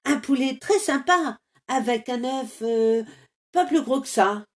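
An actor voicing a friendly young male bird in an animated series, polite and a little flustered. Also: very high voice, takes it slowly, exaggerated voice. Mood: worried.

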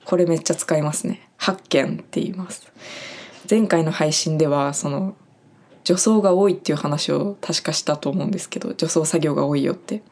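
A woman's voice: deep voice, a little fast, darkish tone. A young Japanese woman from Japan who works on a farm, casually explaining German words she uses on the job, with lots of fillers. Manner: chatty, friendly explaining with many fillers. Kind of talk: casual spoken lesson.

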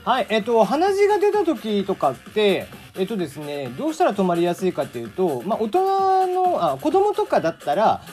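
Lively, chatty man hosting a solo talk show. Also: high voice, brisk, few pauses, soft background music. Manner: chatty, rambling, self-correcting. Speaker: podcast host. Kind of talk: casual solo radio talk.

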